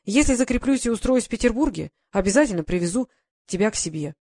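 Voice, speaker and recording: A woman reading an audiobook, voicing a calm young male guard sergeant reassuring his mother in a steady way. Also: fairly high pitch, quick pace.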